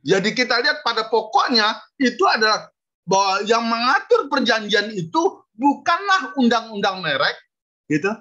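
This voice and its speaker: Woman lecturing law students, bright sharp voice, keeps checking in w the class, kinda muffled lo-fi recording. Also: a little high, sing-song, normal speed. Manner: peppers points with "gitu" and "oke?" checks; explains through everyday hypothetical cases. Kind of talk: university lecture. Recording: dull lo-fi recording.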